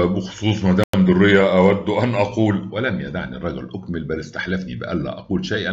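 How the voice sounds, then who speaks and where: A man with an Egyptian accent narrating a story aloud in a wry, unhurried way. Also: sits low, dull audio. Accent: Egyptian Arabic.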